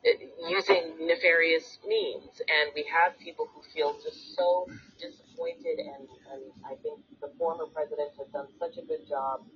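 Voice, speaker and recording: A man's voice: a little high, big pitch swings, moderate pace, hardly any pauses, bright, forceful tone. A man commenting as a guest on a cable news show, talking in a thoughtful, hedging way. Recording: muffled TV audio with hiss.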